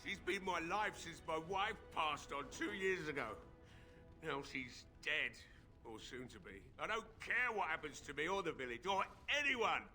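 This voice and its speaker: A man's voice: on the high side, animated, normal speed, sharp tone, soft background music. An actor playing a grieving, stubborn old male blacksmith who drinks, in a fantasy game, talking in a bitter, despairing, pleading way. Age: older.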